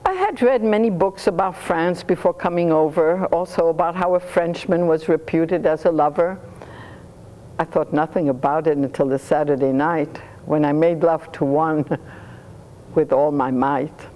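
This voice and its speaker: A woman storyteller reading her own stories in rhyming verse, lively and playful. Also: deep voice, normal speed, poor audio.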